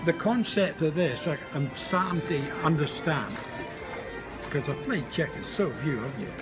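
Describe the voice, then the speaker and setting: Chatty older Scottish man, fairly high voice. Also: lively intonation. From Scotland. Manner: halting, searching for words. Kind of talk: casual chat. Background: loud music and crowd.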